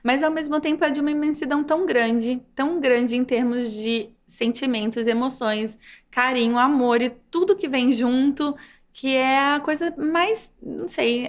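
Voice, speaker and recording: Thoughtful Brazilian woman, slightly high voice. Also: normal speed. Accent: Brazilian Portuguese. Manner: thoughtful, reflective. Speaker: guest doctor and mother. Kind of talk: casual podcast conversation.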